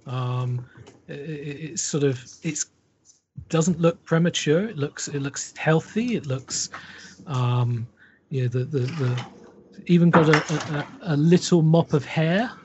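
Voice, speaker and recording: A man narrating a tabletop horror game as game master, in a halting way full of repeated words. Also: fairly high pitch, dull audio, noisy background.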